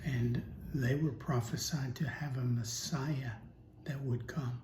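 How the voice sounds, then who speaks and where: A man's voice: medium pitch, slow pace. Guy doing a laid-back bible talk, chatty, asks questions, echoey room with hiss. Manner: conversational, storytelling, rhetorical questions. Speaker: Bible teacher. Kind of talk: casual Bible teaching talk. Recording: echoey room with steady noise.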